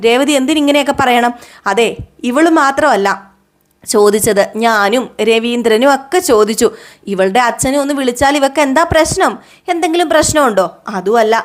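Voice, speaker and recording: A woman retelling a story voices an older grandmother who reasons with people instead of shouting. She asks her questions slowly and patiently, in a voice set a little high. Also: close to an everyday voice.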